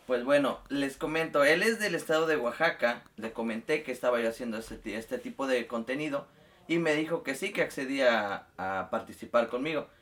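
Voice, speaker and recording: A man's voice: mid-range voice, a little fast, a bit bright. Man, friendly host, upbeat, casual interview.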